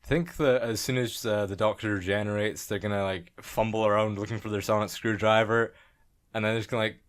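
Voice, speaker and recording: A man co-hosting a podcast in crude banter, speaking in a laid-back, halting way full of fillers. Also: lowish voice, fairly even intonation, clean tone. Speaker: podcast co-host.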